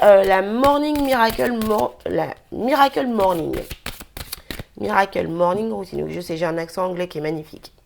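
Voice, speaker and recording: A woman's voice: medium pitch, slight background noise. A young woman, chatting casually through a daily tarot card reading with many hesitations.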